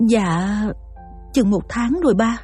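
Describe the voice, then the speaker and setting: A woman's voice: mid-range voice, slow, dark tone, husky. An actress with a Southern Vietnamese accent playing a poor, devoted young mother who speaks politely and pleadingly, over faint music. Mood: humble.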